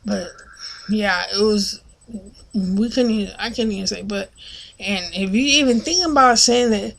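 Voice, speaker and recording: A woman's voice: measured pace, creaky. A woman vlogging casually, telling a rambling story full of fillers and restarts and acting out other people's lines. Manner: acts out other people's lines in a loud, high voice.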